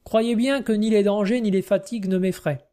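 Man doing a reserved gentleman traveller in a storybook, measured and courteous, voice raised a little, mellow. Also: high voice, steady tone, voice pushed up, close to an everyday voice. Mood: earnest. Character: Monsieur Serge, reserved Russian gentleman traveller.

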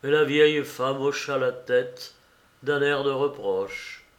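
A man reading a literary story aloud in a measured, sombre narrating voice. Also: mid-range voice, roomy sound. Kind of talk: audiobook reading of literary prose.

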